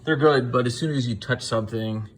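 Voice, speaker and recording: A man's voice: medium pitch, a little fast. A young man casually explaining a car repair step by step as he works in his garage, with frequent fillers. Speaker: car DIY video host. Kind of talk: casual how-to narration while working.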